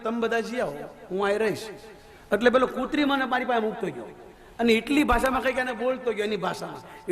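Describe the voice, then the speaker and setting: A man's voice: sits high, fairly bright tone. A male preacher with a Gujarati accent, telling funny anecdotes and moral lessons in a chatty devotional sermon, laughing often. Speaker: Ram Katha preacher.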